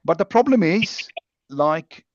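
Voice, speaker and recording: A man's voice: on the high side, animated, takes it slowly, no echo, highs cut off. A man teaching an English pronunciation class on a video call, explaining patiently with examples.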